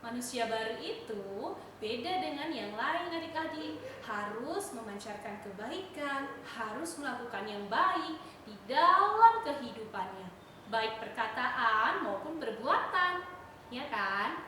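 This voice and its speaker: Young woman Sunday school teacher, high bright voice, slow and animated, echoey room far from the mic. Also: a little hiss or hum. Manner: animated, sing-song storytelling to children. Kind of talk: children's sermon.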